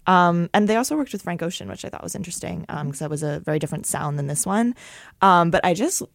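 A woman's voice: fairly low pitch, expressive, vocal fry, dry recording, studio quality. A woman co-hosting a casual music podcast, speaking with many ums and frequent laughter. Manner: laughs often, filler-heavy, slow and thoughtful. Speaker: podcast co-host.

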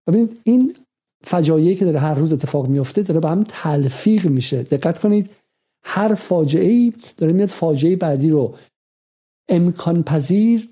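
A man with a slightly high, very bright voice delivers an argumentative commentary monologue. He repeats key phrases to hammer his points home and often slows down on the important words. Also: husky. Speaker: political commentary host.

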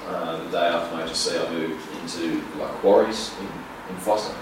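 A young Australian man, a podcast guest, telling stories in relaxed casual chat with many fillers. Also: deep voice, a little fast. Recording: echoey room, distant mic, background noise.

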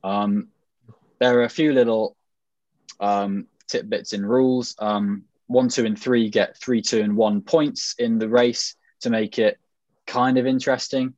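A man's voice: medium pitch, steady tone, unhurried, darkish tone, no room sound, lo-fi sound. A man with a modern British Received Pronunciation accent hosts a podcast in a casual style with wry banter. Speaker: podcast host.

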